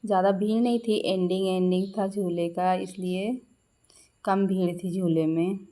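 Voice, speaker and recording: A woman's voice: lowish voice, steady tone, unhurried, mellow. A woman in her thirties with a Madhya Pradesh Hindi accent, chatting through a vlog voice-over and laughing often as she tells the story. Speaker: vlogger. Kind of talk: casual vlog voice-over narration.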